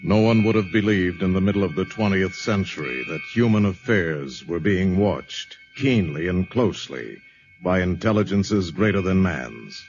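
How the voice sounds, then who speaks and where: A man narrating a 1950s radio drama in a grave, measured, ominous tone. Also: sits low, lively intonation. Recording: muffled 1950s radio broadcast with music.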